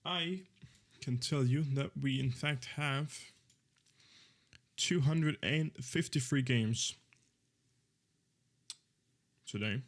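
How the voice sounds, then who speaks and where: This is a young man in his 20s chatting casually on a live stream, his mid-range voice moving slowly with frequent pauses. He rambles along easily, filling gaps with fillers and often correcting himself as he talks to viewers.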